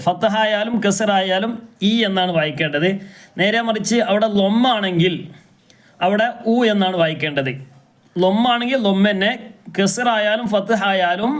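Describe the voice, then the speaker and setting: Guy teaching a live recitation class, high smooth voice, keeps asking the class questions and then chants the verses slow and stretched out. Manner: poses questions to students, then chants verse examples slowly and drawn out. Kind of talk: live class, explaining rules and reciting examples.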